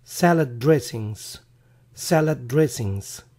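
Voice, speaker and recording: A male teacher with a dark, mellow voice hosts a vocabulary quiz lesson. He talks very slowly and repeats each English word with care. His voice still sounds a little worn, as if not fully recovered. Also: mid-range voice, lively intonation.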